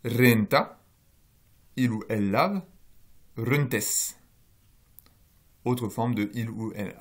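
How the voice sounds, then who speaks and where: A man's voice: medium pitch, fairly bright tone. A man lecturing on linguistics in a recorded course, explaining step by step with frequent hesitations. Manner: explanatory, many fillers, rising emphasis on key terms.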